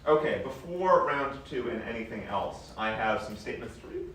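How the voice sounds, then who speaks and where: A man from Wisconsin moderating a quiz competition, reading rules in a clear, deliberate, loud voice. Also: medium pitch, expressive, slight background noise. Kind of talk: announcing rules to a room. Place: large echoing hall. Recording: echoey hall, far from mic, crowd murmur.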